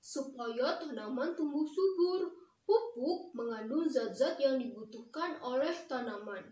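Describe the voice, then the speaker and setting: Patient storybook father read by a woman teacher, calm explaining tone, fairly high, echoey, distant. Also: measured pace. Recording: echoey classroom from far off.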